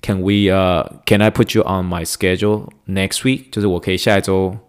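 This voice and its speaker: A man hosting a casual podcast, a physical therapist who talks fast and laughs often, slowing down for English phrases. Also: deep voice, level tone, clean tone. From Taiwan. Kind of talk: casual podcast monologue teaching clinical English.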